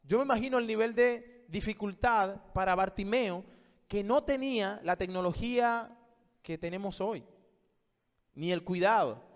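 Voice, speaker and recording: A male pastor preaching a sermon, moving between hushed and emphatic lines with rhetorical questions. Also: sits high, unhurried. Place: church. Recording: long church reverb.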